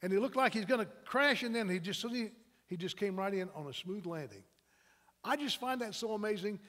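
A man's voice: high voice, lively intonation, fairly quick, a bit bright. A male pastor preaching a sermon in a church, talking in a conversational, anecdotal way with frequent restarts. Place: church sanctuary. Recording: long hall reverb.

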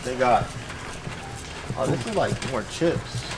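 A man's voice: medium pitch, animated, takes it slowly. A young man vlogging casually while shopping in a big warehouse store, joking and slangy. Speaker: fitness vlogger. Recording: noisy store ambience.

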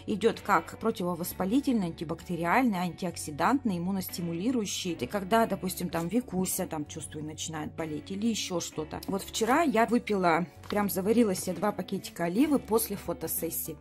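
A woman's voice: lowish voice, fairly quick, hardly any pauses, soft background music. A woman in her late thirties chatting enthusiastically as she reviews herbal teas at a table, filmed from above. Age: 30s. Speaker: product reviewer. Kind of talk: casual product review. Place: bright room at a table.

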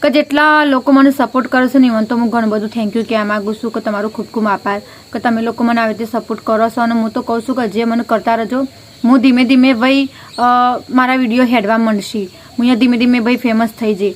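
A woman with a somewhat high voice talks to camera in an easy, rambling way, dropping a friendly filler word into almost every sentence. She records outdoors on a rooftop with a handheld phone. Faint insects and crickets chirp behind her. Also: fairly even intonation, fast, slight background noise. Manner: chatty, keeps adding a friendly filler word. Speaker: family vlogger. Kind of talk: casual chat to camera.

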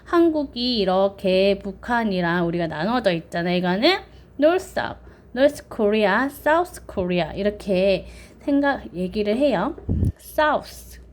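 Slow, patient woman teaching children. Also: mid-range voice, animated. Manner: patient, counts strokes aloud, drills pronunciation. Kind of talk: online lesson for children.

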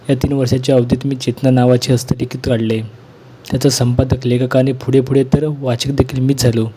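A man reading a school textbook lesson aloud in a plain, measured way. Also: medium pitch, dark tone, slight background noise.

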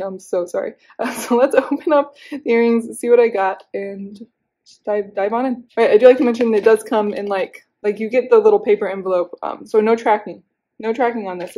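A woman vlogging in a casual, rambling way, a little hoarse as she is losing her voice, with self-deprecating asides and many fillers. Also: medium pitch, warm tone. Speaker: beauty vlogger. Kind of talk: casual chat to camera.

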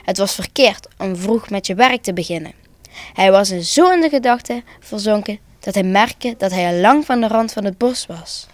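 A woman reads a children's Christmas tale aloud in a calm, expressive storytelling voice. Her pitch sits in an ordinary middle range. The recording is close and dry with no room sound. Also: normal speed, no room sound. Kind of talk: children's story reading for broadcast.

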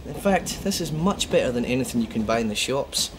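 A man's voice: medium pitch, animated, brisk, noisy background, natural voice. A man playing a fussy, proud train buffet worker who talks in a chirpy, sing-song way and chuckles often in a children's TV show.

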